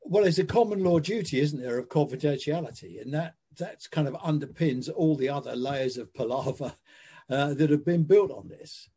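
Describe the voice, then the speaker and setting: A man's voice: fairly high pitch, moderate pace, dark tone, husky. An older man interviewing a guest on a video call, asking probing questions with lots of fillers. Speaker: interviewer, conference host. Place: indoor room with plain backdrop. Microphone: video call webcam mic.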